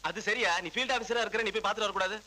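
A demanding, officious film bank manager. He fires questions very fast in a high, sharp voice over faint noise. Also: fairly even intonation, rough recording. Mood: stern. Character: demanding male bank manager chiding a subordinate.

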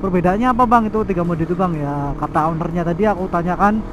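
A man's voice: high voice, quick pace. A young man vlogging casually while riding a motorcycle through city traffic, asking himself questions and answering them with slangy asides, recorded on a helmet mic. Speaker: motovlogger. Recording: helmet mic with loud engine and wind noise. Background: engine and traffic noise.

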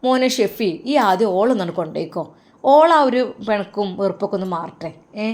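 A woman's voice: expressive, normal speed, close to an everyday voice. A woman voicing a loving elderly mother who coaxes and comforts her son in a raised, tender voice. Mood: doting. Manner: doting, coaxing, higher and brighter.

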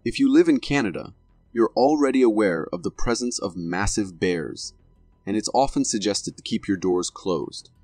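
Guy doing dramatic scripted video narration, kinda raspy, super dry sound w a bit of music behind. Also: on the low side, animated, moderate pace, darkish tone, no echo. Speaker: narrator of a viral video compilation.

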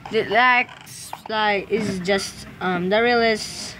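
Young female gaming host, giggly, excitable, slow talker, noisy background. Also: mid-range voice. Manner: giggly, excitable, shrieks during play. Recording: noisy home recording.

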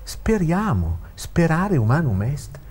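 A man voicing an elderly, authoritative father who speaks in a measured, gently instructing way, in a read-aloud story. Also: a little high, big pitch swings, breathy edge, voice pushed up, full character voice. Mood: calm.

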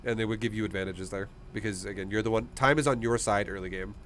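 A man's voice: lowish voice, fairly even intonation, fast, a bit bright. A man in his thirties coaching a gamer in an informal, encouraging way, speaking into a close microphone. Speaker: gaming coach and streamer. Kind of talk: casual coaching talk. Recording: faint background noise.

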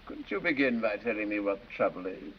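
A man's voice: fairly low pitch, big pitch swings, brisk. A man playing a foppish, affected English aristocrat with an English accent, drawling and silly, in 1930s film acting. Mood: probing. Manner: drawling, silly, laughs at his own jokes. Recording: dull 1930s film soundtrack with faint hiss.

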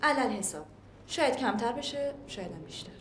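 An actress playing a cold, bureaucratic hospital receptionist who answers curtly and dismissively. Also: female voice, on the high side, animated, noisy background, natural voice. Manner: curt, dismissive.

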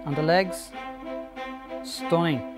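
A man's voice: fairly high pitch, steady tone, slow, over music. A man casually giving an enthusiastic, chatty tour of his animal collection, laughing often.

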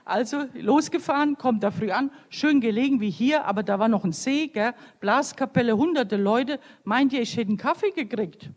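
A woman in her fifties from Croatia, a nun giving a lively storytelling sermon at a youth meeting. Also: fairly high pitch, moderate pace, few pauses. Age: 50s. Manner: storytelling, acting out quoted voices. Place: large venue at a youth meeting. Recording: long reverb of a hall.

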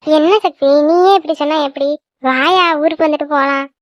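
A woman does cartoon voice acting as a caring, middle-aged village aunt who speaks in a coaxing, insistent way. Her voice is high and steady, a bit fast and close to everyday speech, captured in a dull, dry lo-fi recording without echo.

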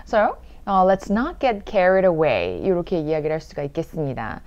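A young Korean woman teaching English, explaining in Korean and reading English examples slowly and clearly for learners to repeat. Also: fairly low pitch, very animated, darkish tone, lo-fi sound. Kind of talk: online English lesson.

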